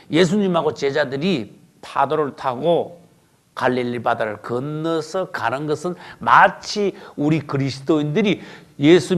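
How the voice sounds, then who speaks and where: A man pastor preaching a sermon, emphatic, asking the congregation rhetorical questions and swinging from loud bursts to low murmurs.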